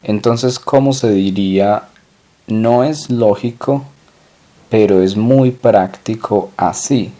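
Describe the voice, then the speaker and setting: A man leads a recorded language lesson, asking questions and then repeating the answers with care. His delivery is very unhurried, with a mellow, dark tone and a voice sitting somewhat low. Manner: slow, deliberate drilling with repeated French phrases. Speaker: language teacher.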